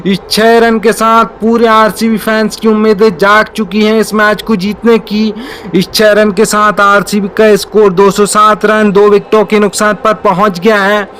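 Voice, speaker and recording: A man giving excited cricket play-by-play commentary, building up the big shots dramatically. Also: high voice, unhurried, slight background noise. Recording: faint music behind the voice. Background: faint music.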